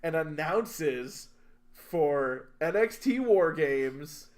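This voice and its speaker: A man's voice: fairly high pitch, lively intonation, very slow, a little mellow. A man co-hosting a wrestling podcast, recapping matches play by play in an eager, casual chat.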